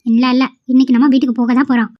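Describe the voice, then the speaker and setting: A woman's voice: sits high, little pitch movement, very fast, close to an everyday voice. A woman voicing a firm young mother scolding her son in a cartoon, on a dull lo-fi recording.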